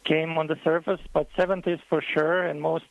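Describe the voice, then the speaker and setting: A man's voice: fairly high pitch, flat delivery, moderate pace, creaky, dry recording, narrow, tinny audio. A man, a guest economist answering interview questions by phone in a hesitant, thoughtful way. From Croatia. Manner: hesitant, thoughtful, with many fillers.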